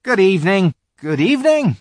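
Mr. Tumnus, a reader's high, fluttery faun. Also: normal speed, no room sound, clean studio sound, close to an everyday voice. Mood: fluttery, polite. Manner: high, fluttering and excitable, often doubles his words; melancholy when he speaks of his past. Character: fussy, polite male faun, timid and eager. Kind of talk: audiobook reading.

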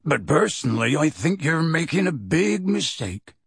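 Guy doing a big gruff half-giant gamekeeper, gravelly and husky, folksy blunt talk, storybook style. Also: a little high, very animated, moderate pace, no echo, clean studio sound, pitched above the performer's own voice, full character voice. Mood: scornful. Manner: rustic, blunt, folksy speech.

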